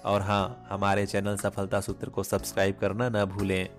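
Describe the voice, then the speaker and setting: Male host reading love poetry: deep, flat and unhurried, measured and solemn, scripted. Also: soft background music. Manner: slow, measured, solemn delivery. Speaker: channel host and poetry reciter.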